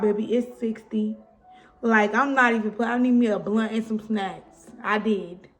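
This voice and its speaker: A young woman, telling a storytime vlog in a chatty, blunt way. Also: fairly high pitch. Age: young adult. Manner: chatty, blunt, frequent "like" and "y'all". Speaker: vlogger. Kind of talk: casual storytime chat. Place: home, with a baby nearby.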